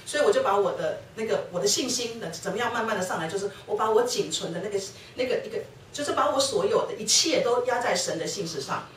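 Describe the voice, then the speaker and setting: A woman's voice: medium pitch, animated, fast, few pauses. Woman, telling her story in an echoey hall. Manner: storytelling, acting out quoted dialogue. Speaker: guest speaker sharing her testimony with her husband. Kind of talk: personal testimony talk at a church lecture. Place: church lecture hall. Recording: roomy hall, distant mic, faint noise.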